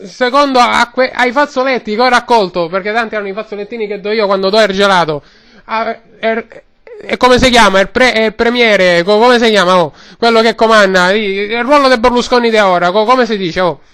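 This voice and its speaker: A man's voice: high voice, a little fast, a bit bright, clean tone. A man voicing a chatty Roman ice-cream seller in a radio comedy sketch, rambling and ending lines with tag questions, with a Roman accent. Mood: boastful. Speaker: comic guest figure.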